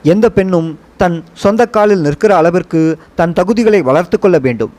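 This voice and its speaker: A man narrating a first-person memoir for an audiobook, his voice sitting a little above the usual male range. He reads in a measured, reflective way, steady and unhurried. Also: high-pitched.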